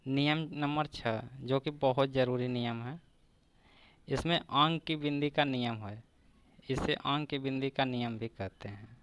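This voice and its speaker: A man teaching grammar for competitive exams, walking through examples one at a time at an unhurried pace. His voice is clear and resonant, and it sounds close and dry with no room echo. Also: mid-range voice, fairly bright tone. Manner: slow, repeating each example word by word. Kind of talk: exam-prep grammar lesson.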